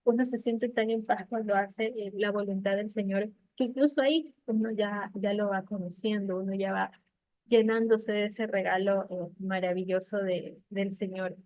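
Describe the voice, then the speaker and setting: A woman in her thirties shares a heartfelt testimony at an online prayer meeting, telling her story with many fillers. Her medium-pitched, darkish voice is fairly even in intonation and moderate in pace, coming through tinny, phone-like call audio that is dry, with no echo.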